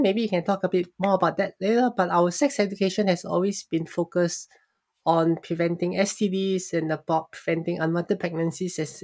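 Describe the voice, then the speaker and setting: A young adult woman from Singapore speaks with a fairly low voice. As a podcast guest she recounts her own story openly and reflectively. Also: darkish tone. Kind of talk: podcast interview.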